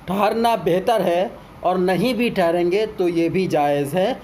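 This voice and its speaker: A man with a high voice teaches a lesson, explaining each point step by step and acting out short spoken examples. A faint hum of room ambience sits behind him. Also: darkish tone.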